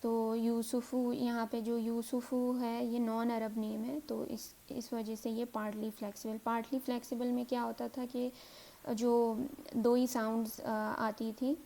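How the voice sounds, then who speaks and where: A woman teaching a grammar lesson as a recap, saying example words slowly three times over. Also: a little high, level tone, gravelly, mellow.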